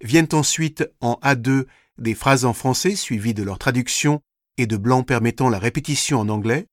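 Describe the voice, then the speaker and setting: A man slowly reading a scripted language course, with careful, deliberate articulation. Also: medium pitch, no echo, studio quality. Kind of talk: scripted instructional narration.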